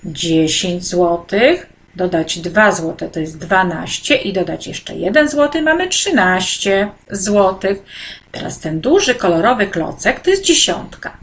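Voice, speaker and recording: A woman teacher walks children through an online e-textbook lesson. She talks slowly and patiently, stopping often on hesitant fillers, and her voice sits at an ordinary middle pitch. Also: lively intonation. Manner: speaks directly to children, encouraging. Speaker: primary school teacher.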